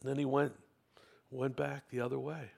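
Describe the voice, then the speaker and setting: A man's voice: medium pitch, level tone, normal speed, creaky, a little mellow. A man preaching a sermon, telling a story and putting emphatic questions to his congregation. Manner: talks with the congregation. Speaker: pastor.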